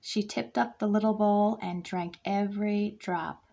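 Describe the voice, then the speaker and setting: A woman visiting as guest reader reads a children's picture book aloud to a kindergarten class, expressively acting out the character lines. Her medium-pitched voice is measured in pace with vocal fry, and the audio sounds dull.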